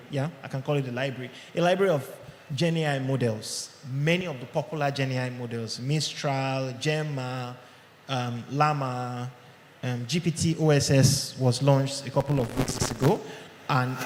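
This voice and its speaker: A man with a mid-range, darkish voice delivers a live tech talk in a conversational style, often asking listeners "okay?" He's a conference speaker on a handheld or podium mic. The large hall produces long reverb, and slight background noise can be heard.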